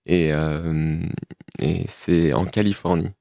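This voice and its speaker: A man's voice: low voice, slow, gravelly, no echo, studio quality. A man in his twenties, a musician guest, talking casually and a little hesitantly in an interview. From Belgium. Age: 20s. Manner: relaxed, hesitant, with fillers and laughs.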